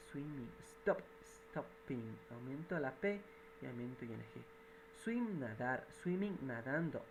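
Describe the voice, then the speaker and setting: A man's voice: on the high side, a little hiss or hum, rough recording. Patient man teaching grammar rules. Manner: patient, repeats and translates each example. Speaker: English teacher.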